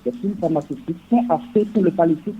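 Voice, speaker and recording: A man's voice: on the high side, fast, slightly rough. A man calling in to a radio show over the phone, asking his questions hesitantly with many fillers and restarts. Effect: radio show caller heard over a phone line. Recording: muffled phone line with faint noise.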